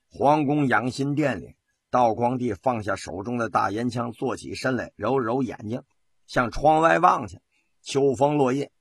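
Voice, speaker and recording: A man telling a traditional story on the radio with dramatic, rhythmic delivery and drawn-out particles. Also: mid-range voice, a bit bright, husky, no echo. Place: radio studio.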